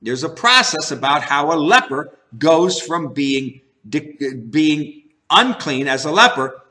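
A man teaching through a Bible passage in an earnest, emphatic way. His voice sits high for a man and rings very bright and forceful. He talks slowly and keeps circling back to repeat and restart his phrases. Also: animated.

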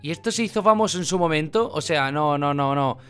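Speaking into a close desk condenser microphone in a small bedroom, this twenty-something host from Spain riffs through jokey, casual reactions, repeating words for comic effect. His Spanish-accented voice is a little high, animated, smooth, and fairly bright, a touch fast, with faint music behind it.

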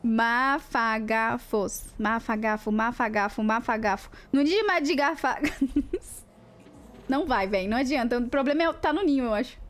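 A woman's voice: sits high, animated, fairly quick, long pauses. A woman with a Brazilian Portuguese accent chatting casually on a live stream, playful and giggly, greeting viewers by name and laughing as she trips over tongue twisters.

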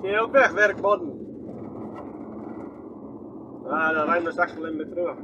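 Speaking quickly in a voice on the high side, this Groningen-accented vlogger chats his way through a drive, phone in hand, posing questions to himself. The highs are cut off and the background is noisy.

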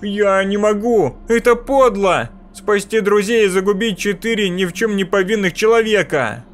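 A man voicing a frightened, stubborn young boy who shouts in a strained voice. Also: high-pitched, moderate pace, slight background noise, pitched above the performer's own voice, close to an everyday voice. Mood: desperate.

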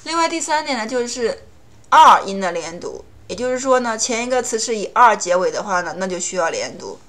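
A woman teaching English pronunciation, explaining rules in Chinese and slowly repeating English example words. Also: on the high side, sing-song, a bit bright. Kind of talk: language lesson.

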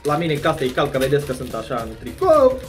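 A man's voice: mid-range voice, huge pitch swings, faint music behind. A young man doing a casual food taste-test vlog at home, joking and exaggerating as he talks straight to his viewers. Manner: joking, exaggerated, slangy, addresses viewers directly. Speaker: vlogger. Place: at home indoors.

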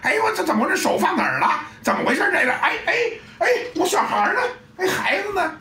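A man's voice: very high-pitched, very animated, pushed and bright, a little hiss or hum, voice pushed up, exaggerated voice. A man playing a flustered bystander who suddenly realizes his child is missing, firing off panicky questions. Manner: panicky, rapid-fire questions. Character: flustered male gawker losing his kid. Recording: roomy, distant mic, faint ambience.

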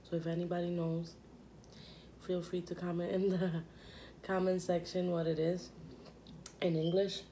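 A woman's voice: lowish voice, little pitch movement, measured pace, long pauses, warm tone, slight background noise. A young woman chatting casually while eating on camera, rambling with lots of fillers and talking with her mouth full. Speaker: vlogger.

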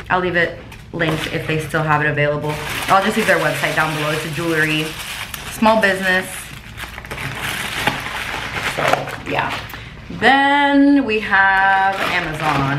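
A young adult woman with a lisp and whistling s sounds, chatting casually as a vlogger at home into a camera mic. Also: low-pitched. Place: rooms inside a house. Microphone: camera mic at about arm's length. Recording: echoey room with clear background noise.

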